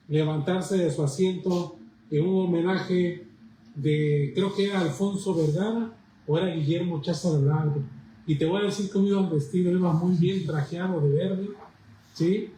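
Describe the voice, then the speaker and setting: A man hosting a talk show warmly recalls a memory about his guest. His voice is dark and mellow, sits a little high, and echoes around a roomy space. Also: a little hiss or hum. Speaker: host. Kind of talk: conversational interview.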